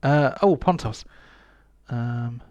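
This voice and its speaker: Halting male game master. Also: medium pitch, darkish tone, no echo, lo-fi sound. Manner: halting, many fillers. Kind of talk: narrating a tabletop game.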